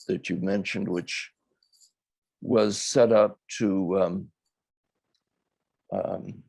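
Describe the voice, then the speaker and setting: In a dry recording, an older man who makes documentaries speaks reflectively during an interview. He chooses each word with measured, hesitant care, and his lowish voice has a mellow quality.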